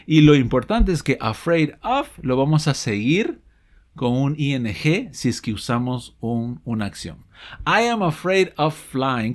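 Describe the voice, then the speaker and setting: A man teaches an audio lesson with a lively voice whose pitch swings up and down. He explains each phrase patiently, reads the example sentences slowly, and stops often to check in with his listeners and fix his own slips. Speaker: English teacher.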